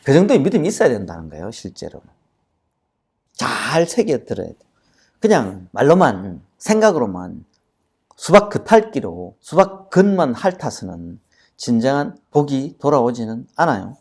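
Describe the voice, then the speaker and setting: A man's voice: medium pitch, normal speed, slightly rough. A man giving a Buddhist dharma talk, reading sutra passages and acting out little scenes as he explains them. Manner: lively, acts out scenes in little voices. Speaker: Buddhist teacher. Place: meditation center.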